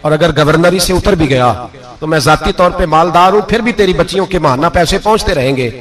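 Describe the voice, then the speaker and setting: Wealthy governor, earnest, reassuring, high-voiced, as a male preacher puts him on. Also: fast, fairly bright tone, lightly acted.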